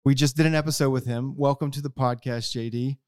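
A man's voice: medium pitch, fairly even intonation, fast, darkish tone, clear, resonant tone, no echo, studio quality. A man hosting a collectors' podcast, joking and rambling in a casual chat. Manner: jokey, rambling, self-mocking. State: tired from no sleep. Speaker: podcast host.

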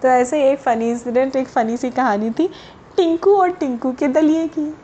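A woman storyteller reads a tale to children in a lively way, turning to them directly as she goes. Her voice sits somewhat high. A faint hum of ambience stays in the background. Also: moderate pace, highs cut off.

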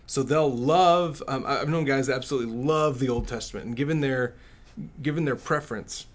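A man with a West Texas accent and twang, chatting casually as a pastor and co-host in a halting way that repeats words. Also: medium pitch. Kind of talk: casual conversation.

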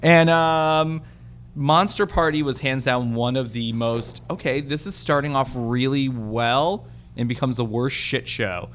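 Animated swearing podcast host. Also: male voice, mid-range voice, measured pace. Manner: animated, swears freely, storytelling. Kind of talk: casual chat.

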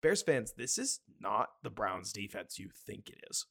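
A man's voice: fairly low pitch, sing-song, a little slow, gravelly, fairly bright tone, husky. A man co-hosting a casual sports podcast, musing about the game in a loose, conversational way. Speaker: podcast co-host.

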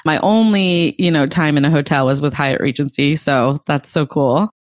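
A woman's voice: sits low, moderate pace, no room sound, clean studio sound. A woman hosting an interview, enthusiastic and full of fillers like "like" and "you know". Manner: enthusiastic, says like a lot. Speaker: podcast host.

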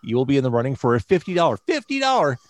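Male podcast host, medium pitch, conversational and wordy, recorded dry with no room sound. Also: big pitch swings, racing, no echo. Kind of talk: casual hosting and interview talk.

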